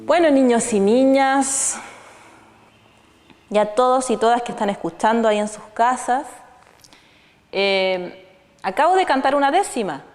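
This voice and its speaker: A woman's voice: a little high, animated, a little slow, pauses often, a little mellow, in a large hall, faint music behind. A woman with a Chilean accent teaching children about folk verse in an online lesson, asking them questions as she explains. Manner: didactic, asks pupils questions.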